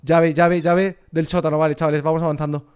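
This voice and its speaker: A man's voice: a little high, level tone, quick pace, a little mellow, smooth. A young man with a Spain Spanish accent, jumpy and swearing while commenting live on a horror game for his chat. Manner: profane, jumpy, talks to chat. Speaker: streamer.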